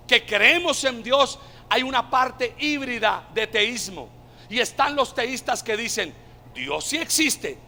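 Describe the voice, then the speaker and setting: A Colombian man preaching a sermon, calling out to the congregation and rising to shouted climaxes. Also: very high voice, in a large hall. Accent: Colombian Spanish. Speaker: pastor.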